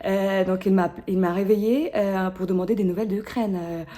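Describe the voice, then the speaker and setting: Her Ukrainian accent shows as she responds to interview questions, stumbling through fillers and fresh starts. She's in her thirties, with a medium-pitched, mellow voice and a steady tone.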